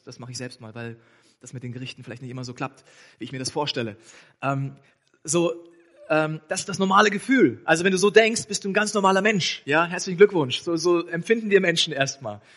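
Brief: man, pastor, preaching in a storytelling manner, pitch a bit high. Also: fairly bright tone. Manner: storytelling, addresses listeners directly. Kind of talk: sermon.

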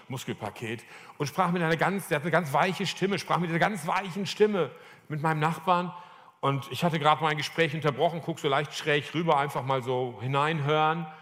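A man's voice: mid-range voice, fairly bright tone. A man preaching a sermon, telling a personal story and acting out quoted dialogue, becoming emphatic at times. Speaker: pastor. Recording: long hall reverb.

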